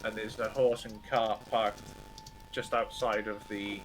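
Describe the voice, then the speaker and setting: A man improvising narration as a tabletop game master, halting and informal, with the odd mild swear. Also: fairly low pitch, little pitch movement, soft background music.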